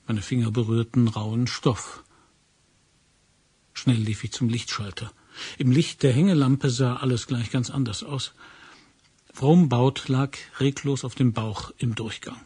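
A man reading a first-person crime story aloud, measured and dropping to a hush at tense moments. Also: mid-range voice, husky. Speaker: audiobook narrator.

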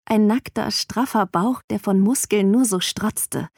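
A woman narrates a first-person novel with lively, expressive storytelling. Her voice sits at a middling pitch. The recording is dry and close, with no room sound around her. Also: unhurried, gravelly, dry recording. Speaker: audiobook narrator.

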